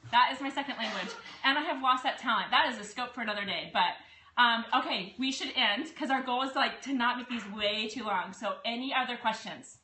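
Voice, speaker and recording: Slightly high and pushed, her bright voice carries through a casual live product stream where she fields questions from viewers. English is her first language, and she comes across as bubbly, talkative, and quick to laugh. The recording picks up room echo and a little faint noise.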